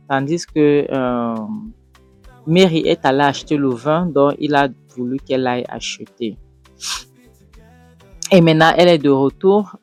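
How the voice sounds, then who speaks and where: Woman recapping a series, halting. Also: deep voice, a little mellow, dry recording. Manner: halting, lots of fillers and restarts. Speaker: host. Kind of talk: casual episode recap.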